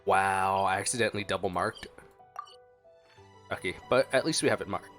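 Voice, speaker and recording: A gaming streamer delivers casual, jokey reaction commentary in a playful manner. His deep voice is a bit bright and moves at normal speed, with game music playing behind it.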